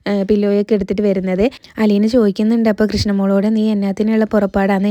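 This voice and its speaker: A woman recaps a serial episode at a brisk clip. Her voice is very dark and mellow, with little rise and fall. The sound is close and dry. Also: mid-range voice, no echo. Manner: retells scenes, quoting characters, frequent "ട്ടോ" tags and "ഏഹ്" fillers. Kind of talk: casual spoken recap of a TV serial.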